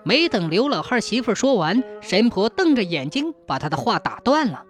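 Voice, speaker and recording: A woman narrating a ghost story in a measured, suspenseful way. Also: medium pitch, sing-song, soft background music.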